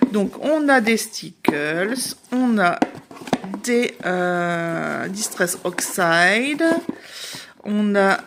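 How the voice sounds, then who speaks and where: A woman from northern France chatting casually through an unboxing vlog, with many hesitations and the product names whispered. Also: medium pitch. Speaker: vlogger.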